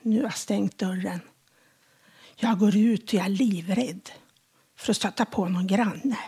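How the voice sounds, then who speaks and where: A woman in her forties slowly reading a personal first-person text on the radio, often dropping to a hushed whisper. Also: mid-range voice, slightly rough. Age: 40s. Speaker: radio contributor.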